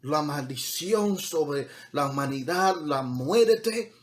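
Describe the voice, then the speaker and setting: A man's voice: fairly high pitch, expressive, takes it slowly. A man preaching a sermon as pastor, talking conversationally with repeated words and building to emphatic peaks, mixing in English words.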